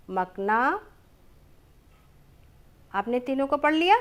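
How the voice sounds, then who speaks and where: Slow, lively woman teaching young children. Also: a little high. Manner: slow and drawn-out, stretches each word; asks children questions, then answers them herself. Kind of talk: children's lesson, reading aloud.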